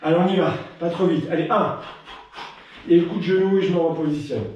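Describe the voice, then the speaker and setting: This French Krav Maga teacher, streaming a live class, has a high, darkish voice with fairly even intonation and a brisk pace. He counts combos, adds punchy effects to the strikes, and chats between drills, warm and a little winded. The sound is lo-fi, captured from afar in a very echoey space.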